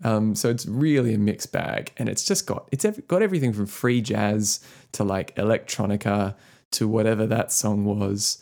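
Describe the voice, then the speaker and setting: Male podcast co-host, low gravelly voice, loose enthusiastic music chat. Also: normal speed, a little mellow. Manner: rambling, filler-heavy, enthusiastic about music.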